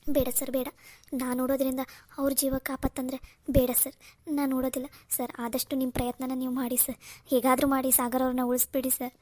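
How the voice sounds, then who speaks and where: A distraught young woman in a cartoon, voiced by a woman, pleading through tears. Her voice is high and fairly flat in tune, and her words come quickly in a dry, close sound. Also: dry recording. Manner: pleading, tearful. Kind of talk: Kannada cartoon voice acting.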